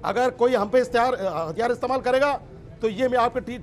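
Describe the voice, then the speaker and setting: A man's voice: very high voice, fairly even intonation, brisk, a little hiss or hum. A middle-aged man arguing angrily in a televised political debate, interrupting and firing repeated rhetorical questions. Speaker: political party guest.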